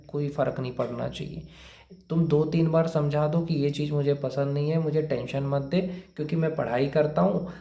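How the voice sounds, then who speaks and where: A man's voice: on the high side, warm tone. A man giving blunt, lecturing relationship and career advice, repeating his points to the listener. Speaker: advice speaker. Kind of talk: motivational advice talk. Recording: echoey room.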